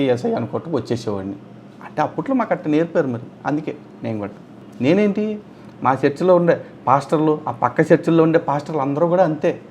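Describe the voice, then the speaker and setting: A man's voice: a little high, a little mellow, slight background noise. A man commentating on testimony clips, scornful and mocking, often throwing insults. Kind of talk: angry reaction commentary.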